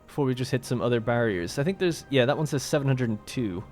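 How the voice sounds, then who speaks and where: A man hosts a let's play, chatting loosely and thinking aloud as he works through a city-building game. His voice sits at an ordinary middle pitch, and faint game music plays underneath. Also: lively intonation, quick pace, darkish tone. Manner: casual, thinking aloud while playing. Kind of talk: gameplay commentary.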